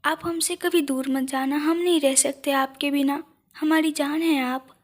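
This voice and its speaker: A woman's voice: sits high, steady tone, measured pace. A woman doing a shy innocent young wife. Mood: meek.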